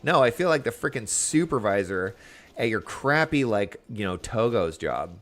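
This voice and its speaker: A man's voice: lowish voice, big pitch swings, moderate pace, fairly bright tone. A man giving casual live commentary as a game streamer, chatty and wry.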